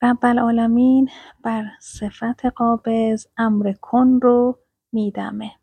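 Soft half-whispering woman teacher. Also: fairly high pitch, slightly rough, dry recording. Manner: soft, often half-whispered, lingering on words; savors verses with quiet exclamations of delight. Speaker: spiritual teacher. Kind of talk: spiritual teaching with recited mystical verse.

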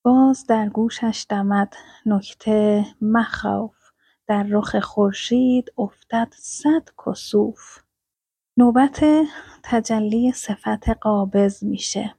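A woman giving a spiritual teaching, reciting mystical verse in a soft, often half-whispered voice that lingers on words and savors each line. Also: mid-range voice, steady tone, slightly rough, dry recording. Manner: savors verses with quiet exclamations of delight.

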